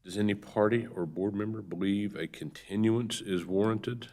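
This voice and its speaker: A man with a low voice chairs a public meeting. He reads out formal procedure and drops into informal asides as he calls on people. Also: normal speed, darkish tone. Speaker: board chair.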